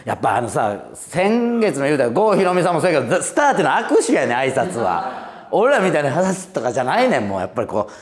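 Animated Kansai comedian telling a story. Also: male voice, on the high side, fast, few pauses. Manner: animated, laughing anecdote-telling. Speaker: comedian host. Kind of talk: casual storytelling talk.

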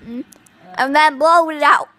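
A woman voicing a quirky, boastful little chin creature who gives slow, self-important instructions in a comic how-to skit. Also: high voice, sharp tone.

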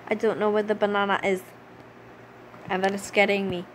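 A woman's voice: medium pitch, level tone, a little fast, slight background noise, poor audio. A young woman casually commenting while playing a game, playful and chatty, sometimes chanting in a sing-song way. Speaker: gaming channel host.

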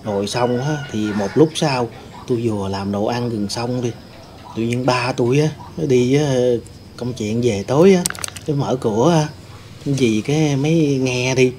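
Casting note: a man as a grieving young male ghost, mellow voice, rambling telling. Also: medium pitch, moderate pace, a little hiss or hum, lightly acted. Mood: sorrowful. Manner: rambling storytelling, many fillers. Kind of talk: staged ghost-hunting role-play.

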